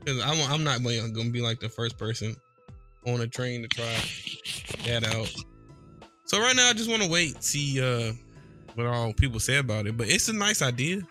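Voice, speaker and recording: A man co-hosting a casual gaming chat, relaxed and slangy. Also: mid-range voice, moderate pace, over music. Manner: relaxed, slangy, says bro a lot.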